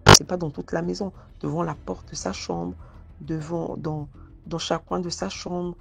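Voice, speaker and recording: Woman storyteller, low and gravelly, halting first-person tale with faint music underneath. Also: very animated, a bit bright. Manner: hesitant, repeats words and restarts often. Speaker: storyteller recounting a personal mystical experience.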